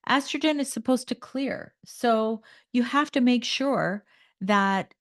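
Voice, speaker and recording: A woman from Canada hosting a nutrition podcast, talking to her listeners in an emphatic, animated way. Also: a little high, takes it slowly. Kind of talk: health podcast talk.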